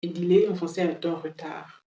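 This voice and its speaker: A woman gives a bilingual language lesson in a low, mellow voice, patiently explaining and checking understanding with a frequent "ok?". Her voice sits a little back from the microphone in a roomy, echoing space. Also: fairly even intonation, normal speed, distant mic, highs cut off. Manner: explains patiently, often checks "ok?", switches between English and French. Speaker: English teacher.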